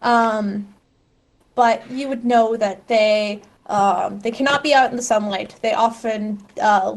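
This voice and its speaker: A woman game master narrating a tabletop game casually, halting and rephrasing as she thinks aloud. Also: fairly high pitch.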